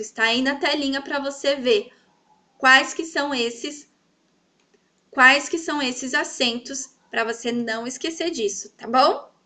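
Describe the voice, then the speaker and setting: A woman teacher with a high, bright voice, explaining to young pupils. She draws example words out slowly and keeps checking that the class follows. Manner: sweet, coaxing, checks in often. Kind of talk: children's grammar lesson.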